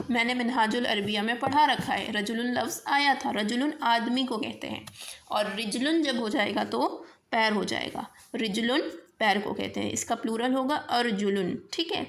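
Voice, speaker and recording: Woman, teacher, vocabulary lesson, slow careful dictation, slightly high voice. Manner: slow careful dictation of word pairs, frequent rising checks.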